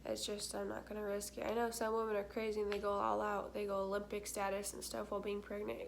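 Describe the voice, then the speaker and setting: A woman's voice: mid-range voice, monotone, fast, creaky, a little hiss or hum. A young woman talking candidly to her camera, with a congested nose and short of breath, filling her talk with "like". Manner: chatty, candid, many fillers, stuffy-nosed. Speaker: vlogger.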